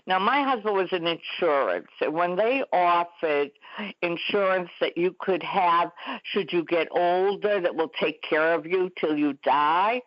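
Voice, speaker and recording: A woman's voice: on the low side, no room sound, dull audio. A woman in her seventies, a talk show guest telling stories in a chatty way. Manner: chatty, storytelling. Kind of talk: interview conversation. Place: Florida.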